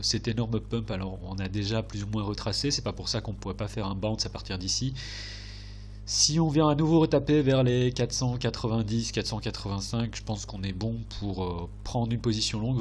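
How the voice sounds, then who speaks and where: Low-voiced man with a stuffy, blocked nose. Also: a little mellow, slight background noise. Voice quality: nasal, stuffy. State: congested blocked nose and sore throat. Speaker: host of a crypto chart analysis video. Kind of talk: casual technical commentary over charts.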